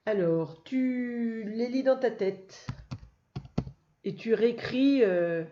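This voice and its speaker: A woman's voice: a little high, slow, mellow. A woman teacher giving a recorded reading lesson to young children, speaking patiently and praising the listener often. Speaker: first-grade teacher. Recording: dull lo-fi, faint noise.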